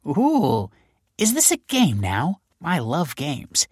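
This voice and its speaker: A man's voice: on the high side, huge pitch swings, slow, a little mellow, slightly rough, no room sound, studio quality, pitched above the performer's own voice, exaggerated voice. A male audiobook narrator voicing a breezy, mocking female police detective who needles people with sarcastic politeness. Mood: playful. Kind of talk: audiobook character voice.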